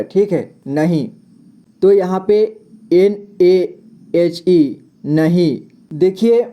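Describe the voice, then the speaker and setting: A male teacher leads a casual spoken reading lesson, going slowly and patiently. His high-pitched voice sounds very dark and mellow as he repeats each word again and again, spells it letter by letter, and fills gaps with a frequent quick "okay."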